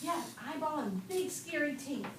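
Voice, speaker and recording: A woman teacher reading a picture book aloud to a class, slow and expressive, asking playful questions. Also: high voice. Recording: echoey classroom from far off, noisy.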